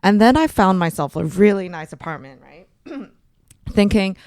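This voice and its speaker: A woman's voice: mid-range voice, expressive, normal speed, a little mellow, no room sound, studio quality. A young woman from Singapore, a podcast guest telling stories in a chatty way and laughing lightly now and then. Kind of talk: casual interview.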